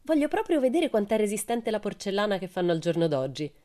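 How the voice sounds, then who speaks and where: A woman's voice: medium pitch, sing-song, fast talker, dark tone, voice pushed up, lightly acted. A woman voicing a wild, cheerful, boastful girl in a storybook reading, brash and theatrical. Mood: playful boasting.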